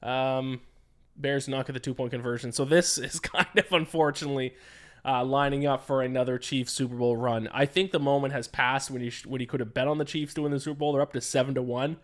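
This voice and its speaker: A worn-out young man talks through his sports betting picks in a loose solo podcast. His voice sits at an ordinary middle pitch. He drifts and gets sidetracked, and his talk is full of "uh" and "um.". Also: steady tone, brisk. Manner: rambling, distracted, frequent "uh" and "um". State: tired, yawning. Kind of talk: casual solo podcast commentary.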